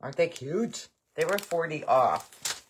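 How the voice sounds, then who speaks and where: A woman's voice: sits low, animated, a little slow, slight background noise. An older woman hosting a craft livestream, chatting casually and rambling happily with her viewers. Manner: chatty, rambling, enthusiastic about bargains. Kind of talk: casual live-stream chat with viewers.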